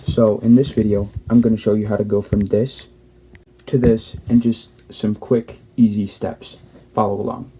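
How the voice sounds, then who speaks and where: A man's voice: fairly low pitch, little pitch movement, moderate pace, dark tone, breathy edge. A young man hosting a casual step-by-step tutorial, explaining plainly and often correcting himself mid-sentence. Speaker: cube tutorial host.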